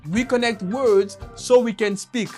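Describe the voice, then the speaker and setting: Brief: performer as a preachy professor character, very slow, deliberate lecturing delivery. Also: mid-range voice, steady tone, darkish tone, soft background music, natural voice. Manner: slow, lecturing, addresses listeners as "you guys". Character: professor lecturing the French on English. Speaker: English teacher character.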